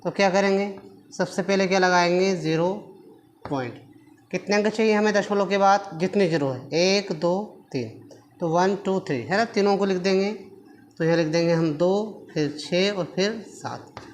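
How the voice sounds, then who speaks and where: A man with a high-pitched voice teaches maths at a board at a moderate pace, with a little hiss or hum in the recording. He patiently asks his pupils rhetorical questions, answers them himself, and affectionately calls them children.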